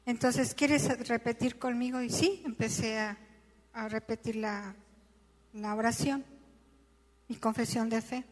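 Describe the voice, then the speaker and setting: A middle-aged woman, telling her personal testimony in an emotional, animated way, acting out the dialogue. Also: fairly high pitch, measured pace, pauses often, big-room sound. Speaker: church testimony speaker.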